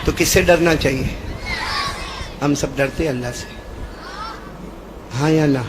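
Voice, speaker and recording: A man preaching a storytelling sermon, calling on the crowd to answer and swinging between shouting and hushed, low talk. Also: fairly even intonation. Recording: noisy recording.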